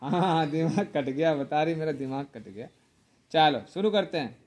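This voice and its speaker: A woman teacher leading a children's group game, calling out words loudly and often half-shouting, and teasing the players playfully. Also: sits low, expressive, normal speed.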